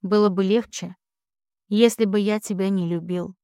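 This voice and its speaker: A woman reading a wounded, hoarse young man. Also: mid-range voice, steady tone, normal speed, dark tone, no echo, studio quality, natural voice. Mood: weak. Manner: weak, hoarse, strained. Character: wounded young man, weak but defiant and tender.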